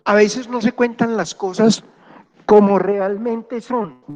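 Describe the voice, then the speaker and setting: Male teacher, high-pitched, chatty and animated, lecture captured with muffled classroom reverb. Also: slow pace. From Colombia. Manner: animated, chatty, acts out anecdotes. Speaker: history teacher. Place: classroom, with hybrid remote class.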